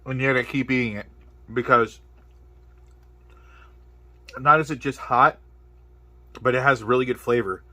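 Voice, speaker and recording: A man's voice: medium pitch, fairly even intonation, unhurried, long pauses, sharp tone, no echo. A man casually reviewing spicy noodles on camera, exclaiming between bites as the heat builds. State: mouth burning from spicy food. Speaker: product reviewer. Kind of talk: casual food review vlog.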